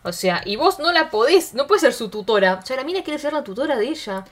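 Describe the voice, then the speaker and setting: A woman's voice: sits high, a little fast. A young woman with an Argentine accent, chatting casually about a film and acting out the characters' lines as she retells the scenes. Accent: Rioplatense Spanish. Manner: animated retelling, acts out quotes, fillers like tipo. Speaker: film discussion co-host. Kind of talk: casual chat recapping a film.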